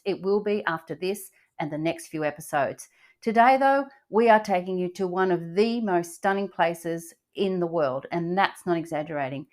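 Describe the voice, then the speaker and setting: A woman's voice: mid-range voice, darkish tone. An older Australian woman, a grandmother, hosting a travel podcast in easy, chatty talk with frequent ums and laughs. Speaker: podcast host. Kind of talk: casual travel podcast chat.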